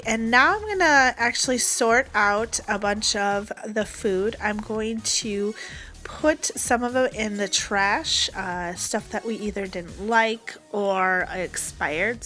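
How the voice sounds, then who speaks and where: A woman's voice: medium pitch, pushed and bright. A young woman vlogging as she cleans her fridge, chatty and upbeat, talking straight to her viewers while her voice is partly gone. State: voice partly lost. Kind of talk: casual cleaning vlog.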